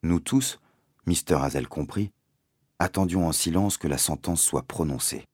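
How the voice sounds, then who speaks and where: A man narrating a children's story aloud in an expressive, storytelling manner. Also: low voice, unhurried, breathy edge, dry recording, studio quality. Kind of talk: audiobook narration.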